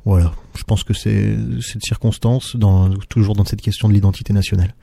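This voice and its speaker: A man with a low-set voice and a very dark, mellow tone presents tracks on his podcast. He talks casually and haltingly, stopping to restart his sentences. The sound is dry and close, with no room around it. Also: little pitch movement, gravelly, dry recording. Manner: hesitant, halting with many fillers and restarts. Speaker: radio podcast host. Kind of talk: casual music show presenting.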